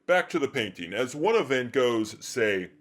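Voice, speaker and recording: A man's voice: medium pitch, very animated, moderate pace. A man giving a comedic art lecture in an earnest, slightly fussy lecturing manner.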